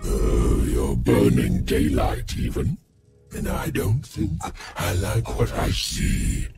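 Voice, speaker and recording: A man voicing a sinister, hungry shadow monster in a video game, with a gravelly, theatrical, threatening delivery. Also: rumbling low, big pitch swings, takes it slowly, over music, exaggerated voice. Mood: impatient, sinister. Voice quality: gravelly, creaky.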